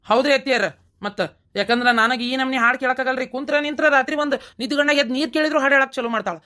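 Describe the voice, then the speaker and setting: A woman's voice: sits high, fairly even intonation, racing, bright, forceful tone, voice pushed down. A woman voicing a fed-up young husband in a cartoon comedy, complaining in a North Karnataka Kannada accent. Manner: exasperated, complaining to his mother-in-law.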